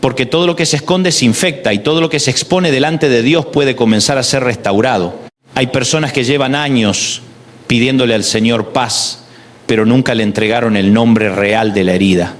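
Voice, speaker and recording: A man preaches a scripted devotional sermon at a middling pitch. He builds emphasis with repeated parallel phrases, and his voice trails off in a long, lingering reverb. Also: normal speed.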